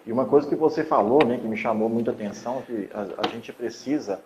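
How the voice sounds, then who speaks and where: A man's voice: medium pitch, fairly quick. A man hosting a conversation on grief speaks in an earnest, encouraging way and repeats his phrases. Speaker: host, hypnotherapist. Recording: echoey, dull audio with faint hiss.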